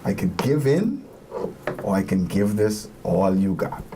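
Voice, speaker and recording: A man talks through his career in an interview. He is earnest and motivational and pauses to gather his words. A faint background noise runs under his voice. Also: fairly low pitch, very animated. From Bahamas. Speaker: interview guest, music producer. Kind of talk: reflective interview talk.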